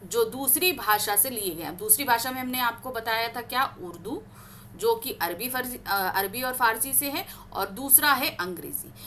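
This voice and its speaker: A woman teaches a grammar lesson. Her voice is bright and a little high, and she draws out each example word before answering her own questions. Faint noise sits under the recording. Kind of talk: classroom lesson reading word examples aloud.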